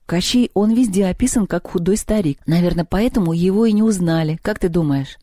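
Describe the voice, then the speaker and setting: A storyteller voicing a clever schoolgirl who gently coaxes and flatters a boy into helping. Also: mid-range voice, a little fast, no room sound, clean studio sound, close to an everyday voice. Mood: coaxing. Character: clever pleading schoolgirl, coaxing.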